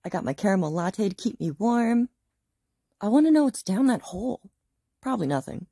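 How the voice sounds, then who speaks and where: Filming herself at arm's length on her phone in the living room, this young woman vlogs in a chatty, bubbly way and pokes fun at herself. Her mid-range voice is sing-song, a bit fast, mellow and husky.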